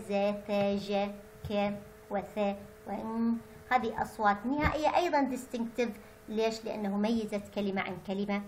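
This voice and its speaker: A woman's voice: medium pitch, poor audio. Woman, pronunciation teacher, hesitant fillers, faint background hiss. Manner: hesitant, many fillers and restarts; slow careful English, faster Arabic. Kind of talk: lecture mixing Arabic and English.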